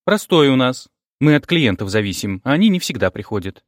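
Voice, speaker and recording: A man reading an audiobook, voicing a calm, firm woman boss. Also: medium pitch, fairly quick, dry recording, clean studio sound, close to an everyday voice. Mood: cool.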